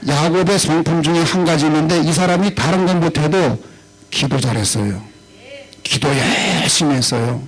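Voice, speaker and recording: A middle-aged pastor with a Chungcheong accent delivers a lively revival sermon in a fairly high voice. He acts out quoted voices and swings between raised and low tones. A faint electrical hum sits under his voice. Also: normal speed, rough recording. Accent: Chungcheong Korean. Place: church revival meeting hall.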